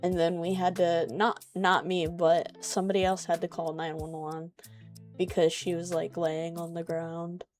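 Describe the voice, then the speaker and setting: A woman's voice: on the low side, flat delivery, moderate pace, darkish tone, faint music behind. A young woman livestreaming in a casual, rambling, self-deprecating way, with lots of "um" and "like". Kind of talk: casual livestream chat, reading chat messages.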